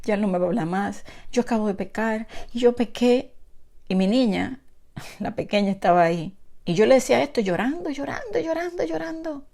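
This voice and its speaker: A woman's voice: mid-range voice, moderate pace, vocal fry, darkish tone. A woman preacher teaching from the Psalms and sharing a personal testimony, speaking earnestly and emotionally straight to her listeners.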